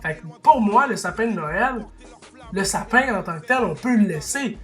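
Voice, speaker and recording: A man's voice: high-pitched, lively intonation, moderate pace, fairly bright tone, faint music behind. Impassioned Québécois man ranting. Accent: Québécois French. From Quebec. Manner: impassioned, argumentative, full of restarts and asides. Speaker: vlogger. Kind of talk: opinion rant to camera.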